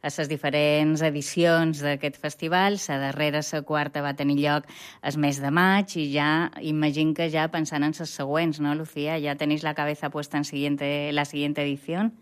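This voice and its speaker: Balearic Catalan woman host, deep clear voice, calm and encouraging. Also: moderate pace. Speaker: radio interviewer. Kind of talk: interview questions.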